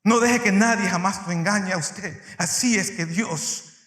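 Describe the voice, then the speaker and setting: A male pastor preaches with a very high, bright voice, speaking emphatically and addressing his listeners directly. He swings between loud and soft, and the sound carries a long, echoing church-hall reverb. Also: measured pace. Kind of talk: sermon.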